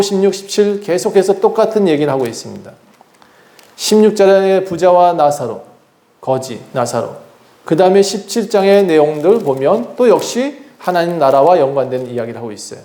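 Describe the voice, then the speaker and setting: A man's voice: on the high side, warm tone, reverberant. A man preaching a sermon as pastor of his church, earnest, acting out the voices of people he quotes. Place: church sanctuary.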